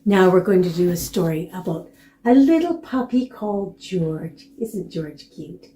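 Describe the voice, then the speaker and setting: A woman's voice: lowish voice, expressive, dark tone, rough recording. A woman hosting a library storytime, reading a picture book aloud as if to a toddler, with simple, exaggerated, playful delivery. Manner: drawn-out, playful animal noises and repeated words. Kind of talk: lively read-aloud storytelling for small children.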